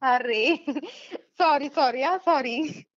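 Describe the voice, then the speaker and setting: On a dull, lo-fi phone line, a YouTuber fielding a prank call talks in a high voice that drags out her words. She has a Maharashtrian accent, and her casual chat is blunt and packed with questions.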